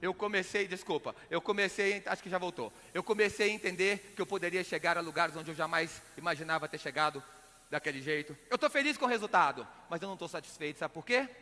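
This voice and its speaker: A man from Minas Gerais with a Minas Gerais accent, a stage magician and comedian doing a live act with playful, energetic joke-telling and shouted punchlines. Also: fairly high pitch, fast. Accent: Minas Gerais Portuguese. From Minas Gerais, Brazil. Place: large live event stage. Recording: live hall with long reverb.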